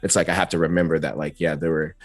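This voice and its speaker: A man's voice: very deep voice, level tone, fast, dry recording. A man, a rapper, chatting as an interview guest, talkative and reflective and laughing often. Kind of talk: casual interview chat.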